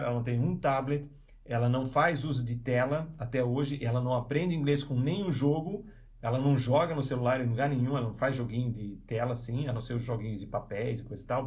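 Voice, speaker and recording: A man who teaches English, hosting a live stream of parenting advice in casual, rambling talk, full of restarts and tag questions. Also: mid-range voice. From Brazil.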